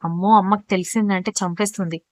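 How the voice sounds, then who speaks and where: A shy young wife speaks in a soft, coy hush in an audio storybook, voiced by a woman narrator. The voice is mid-pitched and dry, with no room around it. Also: fairly even intonation, fast talker, dry recording, close to an everyday voice. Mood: playful.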